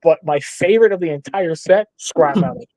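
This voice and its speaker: A man's voice: on the high side, animated, normal speed, a little mellow, no echo, poor audio. A man filling in as co-host, chatting casually in a live discussion and giving blunt, opinionated takes with frequent laughter. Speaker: stand-in co-host.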